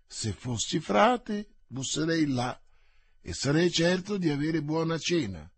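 A man reads out a bold, hot-headed swordsman for a storybook audiobook. He taunts and boasts in a husky, unhurried voice. The sound is dry and close. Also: on the high side, no room sound, exaggerated voice. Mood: wry. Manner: defiant, mocking, boastful. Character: bold quick-tempered Gascon swordsman, adult man.

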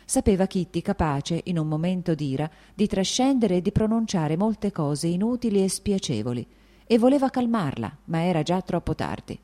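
A woman narrating a novel in a calm, measured audiobook reading. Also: on the low side. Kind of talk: scripted narration.

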